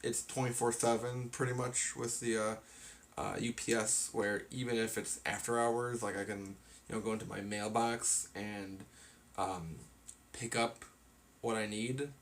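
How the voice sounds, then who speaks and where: On a live stream, a sleepy man yawns and rambles through his plans, packing his talk with fillers. His voice sits fairly low and comes out flat and unhurried, with a faint hiss or hum behind it.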